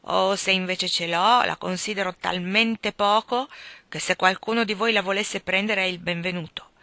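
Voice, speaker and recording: Brief: woman voicing a mocking, offhand husband, audiobook, bright tone. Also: medium pitch, fairly even intonation, moderate pace, no echo. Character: scornful, dismissive married gentleman. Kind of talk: audiobook reading.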